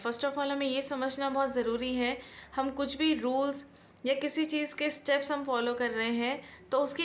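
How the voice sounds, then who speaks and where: A woman's voice: sits high, fairly bright tone, slight background noise. A woman with an Indian accent explaining English pronunciation rules to learners, patient and repetitive, often asking questions back. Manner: slow, patient, repeats key points and asks questions back. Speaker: English teacher. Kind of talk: classroom-style explanation.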